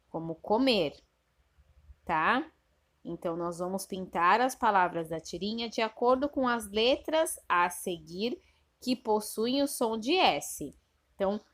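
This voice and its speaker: Woman teacher, unhurried recorded lesson for young children, patient and repetitive. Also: medium pitch, fairly bright tone. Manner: patient, repeats instructions with frequent checks; spells sounds slowly and clearly. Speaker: primary school teacher. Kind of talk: recorded remote class lesson.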